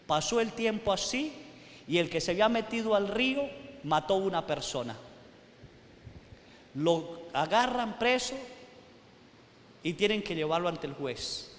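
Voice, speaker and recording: A priest preaching at a retreat in a high, bright voice. He tells stories and keeps checking in with his listeners. The recording comes from an echoey hall with a long reverb and faint background noise. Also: animated, measured pace, long pauses. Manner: storytelling, keeps checking in with the audience. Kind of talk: sermon at a retreat.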